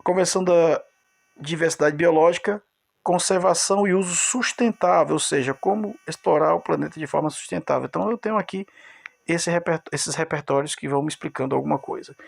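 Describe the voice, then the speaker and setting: Guy teaching a video lesson, kinda raspy gravelly voice, a bit high, keeps repeating words and talking right to the students. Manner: explains step by step, repeats key words, addresses students directly.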